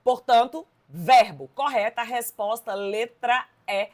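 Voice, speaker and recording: A lively Brazilian woman leads an exam-prep grammar lesson. Her voice sits a little high, and she stresses key words as she speaks to her students. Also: measured pace. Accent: Brazilian Portuguese. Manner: lively, emphatic, addresses students directly. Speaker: Portuguese teacher.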